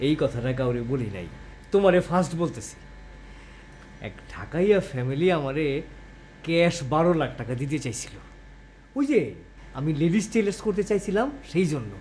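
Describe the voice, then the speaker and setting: An actor playing a boastful, lecturing suitor in a comedy TV drama. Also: male voice, on the high side, sing-song, a little fast, pauses often, a little mellow, a little hiss or hum. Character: boastful suitor, self-important and smooth.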